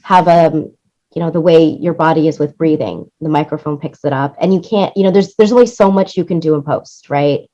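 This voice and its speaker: A music supervisor and audio producer talks through her audio work in an interview, her deep voice moving a little fast. She's lively and informal, performs quoted lines, and keeps checking in with "right?". The highs are cut off in the audio.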